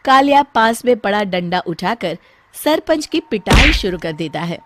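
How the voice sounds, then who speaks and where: A woman's voice: mid-range voice, very animated, measured pace, dry recording. A woman narrating a scripted cartoon story.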